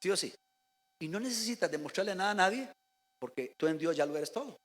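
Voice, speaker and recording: A male pastor from Costa Rica delivers a Sunday sermon in a church sanctuary, addressing the congregation directly with questions and asking them to repeat after him. His voice sits high and is fairly bright, fast, and lively in intonation, with church hall reverb around it.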